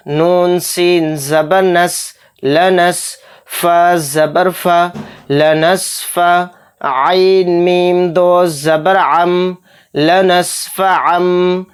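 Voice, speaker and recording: A patient recitation teacher spells out syllables one by one in a smooth, clean voice at an unhurried pace. The teacher breaks off into brisk asides to explain each rule, often asking a question and answering it. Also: mid-range voice. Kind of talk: step-by-step spelling and recitation lesson.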